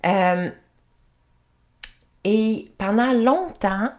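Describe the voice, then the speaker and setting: A woman's voice: mid-range voice, very slow. Chatty Quebec French woman coach. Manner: animated, chatty, many restarts. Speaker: life and couples coach. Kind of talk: storytelling in a coaching talk.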